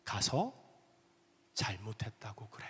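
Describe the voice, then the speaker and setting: The voice of God, as a preacher puts him on, speaks calmly and firmly, asking plain questions. The man's pitch sits a little high for him. A long reverb hangs in the church. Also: measured pace. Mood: hushed. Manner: firm, direct questioning. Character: commanding divine male voice, calm and firm.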